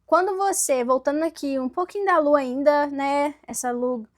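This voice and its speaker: Woman interviewer with a high-pitched voice; relaxed, conversational questioning. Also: moderate pace. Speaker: podcast host. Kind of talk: casual interview chat.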